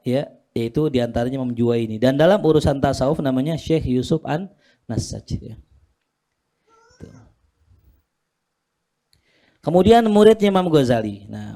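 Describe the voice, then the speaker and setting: A male Islamic teacher lectures his students in a relaxed, joking manner. His voice is mellow and of middling pitch. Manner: casual, jokey, teasing his students. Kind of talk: religious study lesson.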